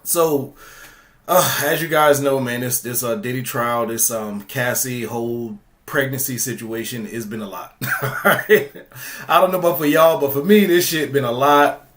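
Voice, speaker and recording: A man talks casually on his commentary channel in a loose, rambling way, full of fillers and restarts. He speaks at a middle pitch. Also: unhurried, a bit bright.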